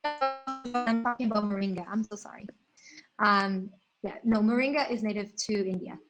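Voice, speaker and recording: A woman's voice: mid-range voice, moderate pace, music in the background. A woman from Brazil, explaining skin oils in a casual livestream chat, full of fillers and restarts. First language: Portuguese.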